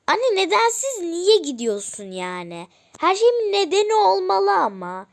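A woman voicing a daughter who pleads with her mother not to leave, talking fast and exasperated in a family role-play. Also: very high voice, wildly swooping pitch, gravelly, heavily acted. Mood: pleading.

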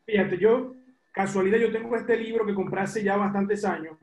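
High-voiced Venezuelan man, roomy echo. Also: fairly even intonation, a little hiss or hum. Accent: Venezuelan Spanish. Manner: courteous, reads aloud quickly. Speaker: viewer asking a question. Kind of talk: polite question on a call. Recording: echoey room on a call.

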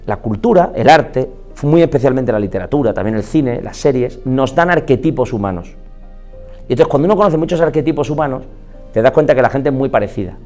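A man from Spain, a doctor, giving an expressive motivational talk and often quoting people in changed voices. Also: mid-range voice. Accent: Spain Spanish. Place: indoors, filmed talk.

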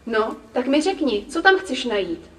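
A woman's voice: sits high, very animated, far from the mic, a little hiss or hum, voice pushed up, rough recording. A woman voicing a stern, worried fairy mother who scolds sharply.

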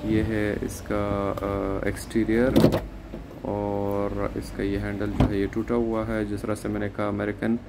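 A man narrating a walkaround video at an outdoor used car auction lot, speaking in a plain, steady, informative way with hesitant fillers. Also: on the low side, a little slow, vocal fry. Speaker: car market vlogger. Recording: outdoor noise behind voice.

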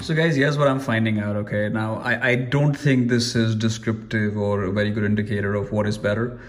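A man's voice: fairly low pitch, fairly even intonation, a little fast, loud music behind the voice. A man giving a casual, rambling product review at home, chatty and full of restarts. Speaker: tech reviewer. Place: room at home.

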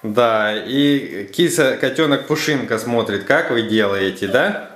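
In a living room at home, a father guides his children through a craft, chatting casually, giving instructions, and prompting them with questions. His medium-pitched voice is animated and unhurried, and the roomy indoor recording has a noisy background.

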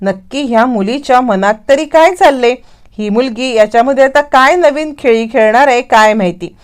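A woman's voice: a little high, moderate pace, close to an everyday voice. A woman reading the lines of Saroj, a stern, suspicious mother-in-law in a serial recap. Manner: scolding, suspicious.

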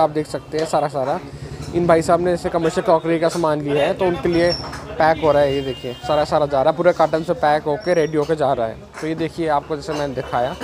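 A man giving a walking tour of a market shop on a handheld phone camera, often repeating words as he points things out. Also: a little high. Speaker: vlogger. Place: busy city market street and shop at night. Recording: street noise behind.

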